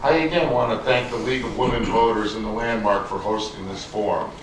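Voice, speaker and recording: A man's voice: on the low side, fairly even intonation, brisk. A man running for local office delivers a prepared closing statement at a public forum. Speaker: village board candidate. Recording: very echoey hall, distant mic, faint noise.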